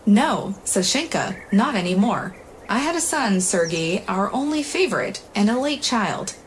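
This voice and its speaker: A woman voicing a frail, lonely old grandmother who speaks softly and weakly, with faint noise in the recording. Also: mid-range voice, very animated, measured pace. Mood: weary. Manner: soft, weak-voiced.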